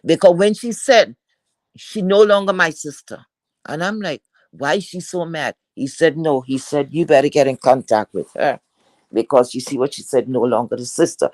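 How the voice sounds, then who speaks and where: A woman's voice: low voice, moderate pace, no echo. A woman telling a personal story on a livestream video call, acting out the quoted dialogue. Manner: animated, acts out quoted dialogue. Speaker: guest storyteller.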